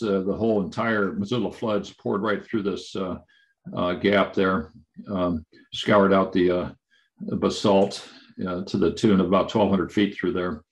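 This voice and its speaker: Man, lowish voice, slide talk, halting, lots of uhs and restarts. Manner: halting, many fillers and restarts. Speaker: presenter.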